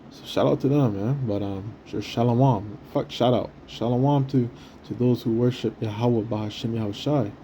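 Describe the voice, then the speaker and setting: A man preaching quietly from a hotel room in a rambling, profane, stammering way, full of restarts. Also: mid-range voice, a little hiss or hum. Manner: deliberately speaking quietly. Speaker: street preacher. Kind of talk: casual preaching monologue.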